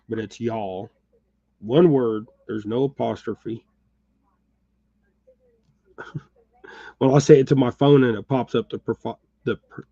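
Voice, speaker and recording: A man's voice: medium pitch, dry recording, lo-fi sound. A middle-aged American man with a slight Texas twang, chatting casually and chuckling as he ties fishing jigs and talks to viewers by name. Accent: Texas-tinged American, says y'all. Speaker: channel host. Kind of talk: casual chat while tying jigs. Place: home workshop.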